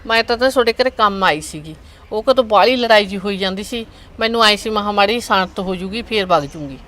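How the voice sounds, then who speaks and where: A woman's voice: mid-range voice, lively intonation, quick pace, sharp tone. A woman acting a nosy neighbour aunt who eavesdrops on the family's quarrels and defends herself with gossip. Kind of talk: family comedy skit acting.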